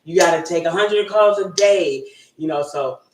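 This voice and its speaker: A man co-hosting a casual chat show, animated and laughing his way through stories, often asking "right?". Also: sits high, normal speed, a little hiss or hum. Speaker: podcast co-host. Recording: roomy and distant from the mic.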